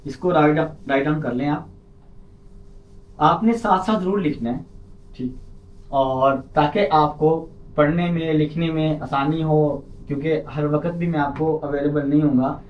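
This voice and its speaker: A man with a Pakistani Urdu accent teaching an online lesson. He explains patiently and drills each sound by repeating it loudly. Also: mid-range voice, dull audio. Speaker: language teacher.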